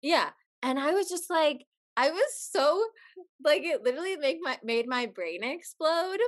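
A woman's voice: high voice, expressive, unhurried. Chatty New woman hosting. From New Jersey. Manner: chatty, laughs easily. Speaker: podcast host. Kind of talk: casual podcast interview.

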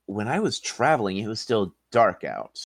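A man voicing a confused young male paladin noble, speaking slowly and haltingly. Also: lowish voice, huge pitch swings, gravelly, dry recording, clean studio sound, full character voice. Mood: bewildered. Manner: slow, halting, dazed.

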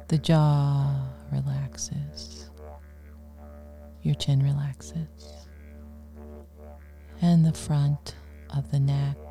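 Female meditation guide, soft near-whisper, soothing, little melodic movement, creaky edges, music underneath. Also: low-pitched. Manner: soothing, hushed, with long pauses between short phrases.

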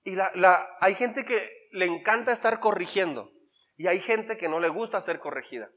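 High-voiced pastor preaching casually. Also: male voice, normal speed, fairly bright tone, long reverb tail. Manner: conversational preaching with acted-out quotes and humor. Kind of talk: sermon.

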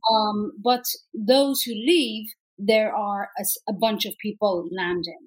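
A woman's voice: mid-range voice, fairly even intonation, takes it slowly, breathy edge, low-quality recording. A middle-aged woman with an Irish accent, a guest chatting casually in an interview, laughing easily between fillers. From Ireland. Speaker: actress guest.

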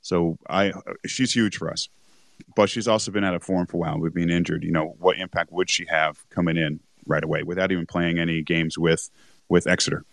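A man co-hosting a rugby podcast, rambling and correcting himself, a little hoarse as he is losing his voice. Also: deep voice, steady tone, fairly quick, fairly bright tone, no room sound. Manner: rambling, self-correcting, chuckles often. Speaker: podcast co-host. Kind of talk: casual rugby chat.

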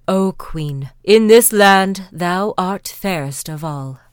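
A woman's voice: lowish voice, slow, clean tone, no room sound, clean studio sound. A woman voicing a magic talking mirror that speaks in a solemn chanting manner.

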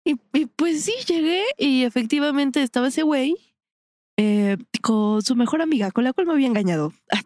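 A woman's voice: high voice, normal speed, a little mellow, no room sound, studio quality. A young woman with a Mexican accent telling a personal story on a podcast, slangy and frank, often breaking into laughter. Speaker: podcast co-host. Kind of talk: casual chat.

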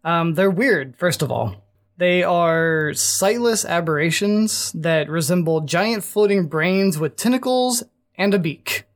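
A young adult host reads creature lore aloud to friends in loose, casual chat. The voice sits at a middling pitch. There are many "like"s and "um"s in the delivery. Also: slow. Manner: chatty, reads passages aloud with fillers. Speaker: podcast host reading monster lore.

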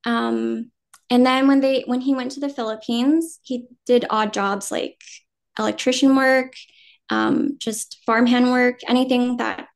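An American woman from New Jersey, originally a Vietnamese speaker, talks in a slightly high, gravelly, unhurried voice. As a guest actor in a casual interview, she's chatty and relaxed, rambling with lots of "um" and "like" and laughing readily.

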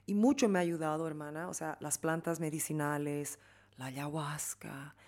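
A woman's voice: low voice, steady tone, moderate pace, a little mellow. A middle-aged woman with a Bolivian Spanish accent, chatting casually as a guest and telling candid stories full of restarts and fillers. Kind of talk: casual chat.

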